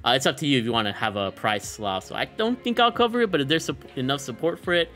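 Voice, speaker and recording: Fast, expressive and forceful, a medium-pitched male voice with a bright tone delivers casual gameplay commentary as a gaming YouTuber in his late twenties reviews a bundle. His talk is hyped, slangy and punctuated by chuckles, recorded close to the mic in a small indoor gaming room with faint background music.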